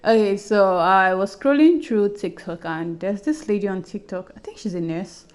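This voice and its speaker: A young adult woman hosts a personal audio-journal podcast, chatting casually to her listeners and often repeating herself. Her voice is mid-range and darkish, at a moderate pace.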